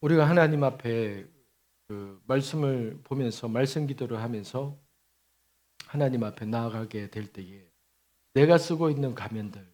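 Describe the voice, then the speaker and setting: A man in his fifties, a pastor preaching a sermon, telling stories in an emphatic, animated way. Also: medium pitch, moderate pace. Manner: storytelling with lively acted quotes and laughter.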